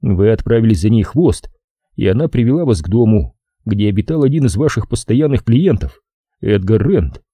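A man narrating a first-person detective audiobook in a dry, ironic, even manner. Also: on the low side, moderate pace, slightly rough, dry recording.

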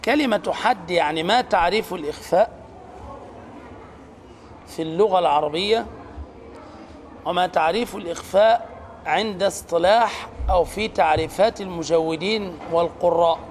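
High-voiced sheikh teaching tajweed. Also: male voice, slight background noise. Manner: explains slowly, stretches out words and demonstrates sounds. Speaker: Quran recitation teacher. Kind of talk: tajweed lesson.

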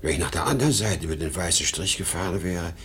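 This low, fairly bright male voice talks fast and expressively, belonging to an actor cast as an exhausted salesman past sixty in an old German radio play. Proud and erratic, the character rambles wearily, drifts between dreamy and troubled, and bursts out boastfully, all on a noisy vintage recording from 1950.

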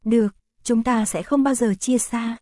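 A woman voicing a patient, caring young man in an audio story, spoken calmly and gently. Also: fairly high pitch, measured pace, no room sound, studio quality. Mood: gentle.

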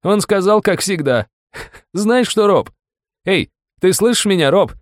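A man voicing a bloodied young man who shouts in reckless, mocking defiance. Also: high voice, animated, a little slow, no echo, clean studio sound, voice pushed up. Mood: manic shouting.

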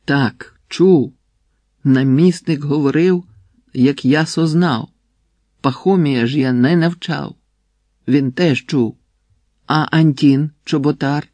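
A man voicing a tortured male prisoner who pleads and cries out in pain, with a husky voice. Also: fairly high pitch, slow pace, long pauses, a little mellow, no echo, pitched above the performer's own voice. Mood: faint.

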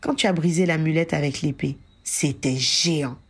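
A wryly joking man who works alongside the hero, read by a woman in a fairly low voice. The lines come from an audiobook of a fan story. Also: moderate pace, husky. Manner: wry joking. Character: Owen, joking man coworker.

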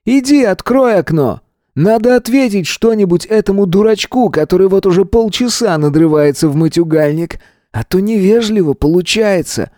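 A man's voice: mid-range voice, lively intonation, unhurried, mellow, no room sound, clean studio sound, voice pushed up, close to an everyday voice. A man reading an audiobook voices a cold, contemptuous armed man who barks orders and sneers. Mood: sneering.

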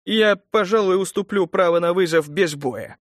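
Brief: man voices a nervous, evasive male thief, a little high, dry close sound. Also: normal speed, no echo, lightly acted. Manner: hesitant, evasive.

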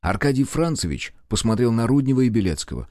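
A man narrating an audiobook in a measured, even reading on a close studio mic. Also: medium pitch, dry recording. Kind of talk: scripted narration.

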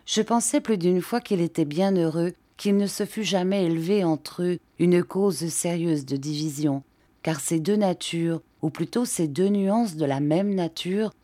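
A woman narrating a classic novel as an audiobook, reading in a steady, measured way. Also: low-pitched, no echo.

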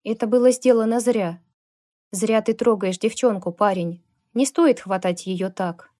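A woman doing a gruff older biker man. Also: medium pitch, moderate pace, dark tone, lightly acted. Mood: stern. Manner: gruff, barking. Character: big older male biker, gruff and protective.

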